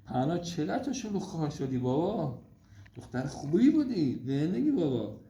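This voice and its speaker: A man at home at night, gently and affectionately coaxing his small daughter to go to sleep. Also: fairly high pitch, sing-song. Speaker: father putting his toddler to bed. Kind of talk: casual talk with a small child. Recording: roomy room with faint noise.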